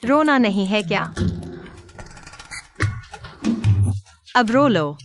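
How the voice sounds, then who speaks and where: An actress dubbing a spirited, defiant young wife in a drama, teasing and scornful. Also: female voice, fairly high pitch, lively intonation, normal speed, soft background music, lightly acted. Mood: playful. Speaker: dubbed drama heroine. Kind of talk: Hindi drama dub.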